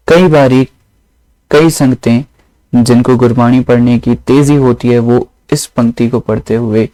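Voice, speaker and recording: A man teaching a lesson on the grammar and pronunciation of scripture, explaining slowly and repeating each point in other words. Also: medium pitch, warm tone, dry recording, poor audio. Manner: slow, explanatory, repeats phrases with synonyms.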